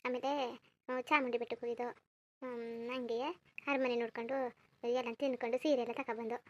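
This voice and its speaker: A woman's voice: on the high side, flat delivery, moderate pace, lo-fi sound, natural voice. A woman voicing a caring, chatty married elder sister in a cartoon. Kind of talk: cartoon voice acting.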